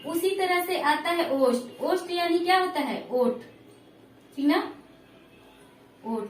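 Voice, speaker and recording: High-voiced teacher in an echoey room. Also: female voice, expressive, slow, distant mic, slight background noise. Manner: patient, repeats points and checks understanding. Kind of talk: classroom lesson.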